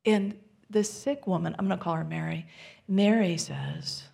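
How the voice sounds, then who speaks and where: A woman minister giving a gentle, reflective sermon, often dropping to a soft near-whisper. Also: on the low side, moderate pace, gravelly.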